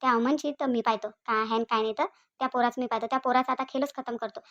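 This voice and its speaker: A woman's voice: on the high side, steady tone, fast talker, a bit bright, highs cut off, lightly acted. A woman voicing a fussy, protective elderly village aunt in a cartoon, talking with a Vidarbha Marathi accent in scolding, reassuring rural chatter. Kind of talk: cartoon voice acting.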